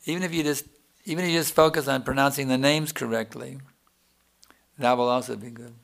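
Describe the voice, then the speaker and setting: A man's voice: mid-range voice, fairly even intonation, brisk, vocal fry, a bit bright. A man teaching as a spiritual teacher in a devotional question-and-answer talk, explaining patiently and chanting examples.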